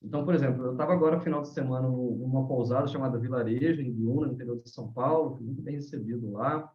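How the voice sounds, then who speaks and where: Animated Brazilian man in a roomy room. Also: mid-range voice, quick pace. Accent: Brazilian Portuguese. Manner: animated storyteller, many "né?" tags. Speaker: guest teacher of haka. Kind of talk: live online talk, answering questions. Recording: roomy, dull lo-fi sound.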